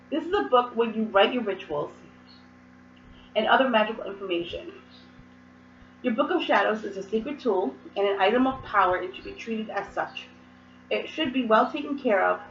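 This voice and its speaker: A woman's voice: mid-range voice, a bit bright. A woman with a slight cold gives a casual how-to talk, rambling through fillers and side remarks. She sits some way from the mic, so her voice sounds distant and a bit muffled. The room echoes around her, with a faint hiss underneath. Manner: chatty and rambling, with many fillers and asides. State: hoarse from a cold, occasional coughs. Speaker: host. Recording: roomy, distant, dull mic.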